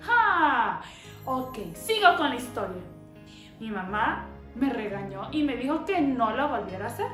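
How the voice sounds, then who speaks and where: Animated woman telling a children's story. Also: high voice, reverberant. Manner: lively, asks the children questions.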